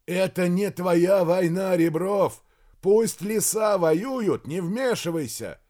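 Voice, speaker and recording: A man voicing a gruff, exasperated army colonel who shouts insistently. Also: sits high, animated, slow, voice pushed up.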